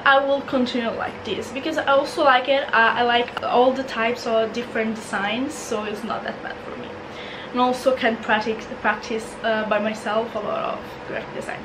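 A twenty-year-old Italian woman with an Italian accent vlogs from her bedroom, doing a casual Q&A chat to camera. Her voice sits on the high side over a noisy background, and she often repeats and restarts words.

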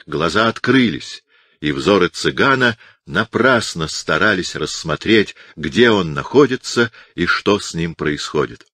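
A man reading an audiobook in a measured, dramatic narration style. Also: low voice, expressive, pushed and bright, no echo, clean studio sound. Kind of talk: scripted narration.

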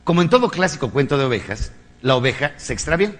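A man's voice: fairly high pitch, lively intonation, fast talker, fairly bright tone, in a large hall. A man with a Mexican accent giving a live motivational lecture, emphatic and preaching, with rhetorical questions and crude jokes. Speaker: motivational speaker.

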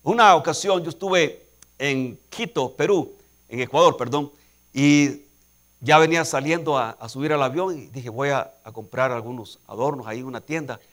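A man's voice: medium pitch, normal speed. A man preaching a sermon, telling a personal story and building to emphatic, repeated calls to action. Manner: preaching with rising, emphatic repetition; quietly acts out dialogue in anecdotes.

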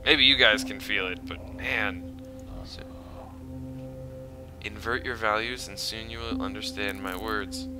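A man's voice: lowish voice, steady tone, a little slow, long pauses. A man giving casual let's play commentary as a scared horror game streamer, uneasy and mixing muttered asides with exclamations. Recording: music behind the voice.

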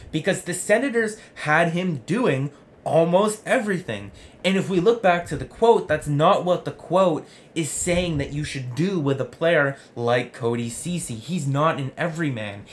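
Earnest young man arguing with himself, noisy room. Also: fairly high pitch. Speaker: sports vlog host. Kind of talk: conversational sports commentary. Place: small home room with jerseys on the wall. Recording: noticeable room noise.

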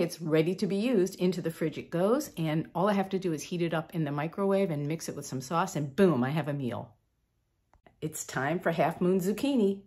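A woman with a low, husky voice talks through her kitchen prep in a chatty, upbeat way. She explains each step as she goes, like a home cooking host. Her tone stays easygoing and friendly throughout. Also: darkish tone. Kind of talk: casual cooking voice-over.

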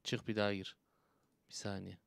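A young man giving casual, slangy commentary while playing a horror game, bursting into loud shouts and dropping to low mutters. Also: moderate pace, vocal fry. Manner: excitable, swings between loud outbursts and low mutters; casual slangy banter with viewers. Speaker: gaming YouTuber.

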